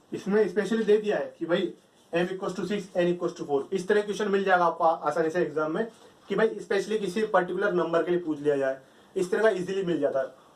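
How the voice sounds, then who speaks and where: A man's voice: sits high, a little mellow. A man teaching math at a board, explaining step by step and repeating key phrases. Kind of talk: whiteboard lecture. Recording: echoey room, voice from a distance.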